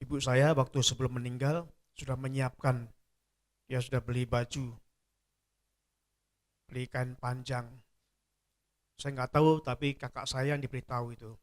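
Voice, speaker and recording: A man's voice: mid-range voice, level tone, normal speed, long pauses. A middle-aged man preaching a sermon as a church pastor, telling stories and repeating phrases for emphasis. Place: church service.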